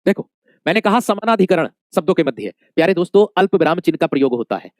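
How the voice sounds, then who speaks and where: A man's voice: a little high, lively intonation, fast, no room sound, studio quality. A male Hindi teacher giving an exam-prep lesson, calling his students dear friends, asking questions and repeating the answers many times.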